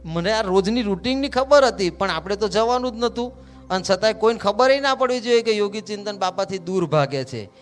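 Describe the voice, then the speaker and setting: A man, a monk telling a devotional anecdote in a lively, humorous way, acting out the dialogue. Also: sits high, fairly quick, soft background music. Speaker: monk storyteller. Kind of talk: devotional storytelling.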